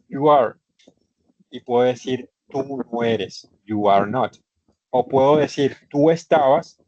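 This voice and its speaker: A male English instructor teaches an online class, patiently explaining things step by step and repeating the key points. His mid-range voice is a little mellow with no room sound, picked up by a computer microphone in a video session that sounds slightly muffled.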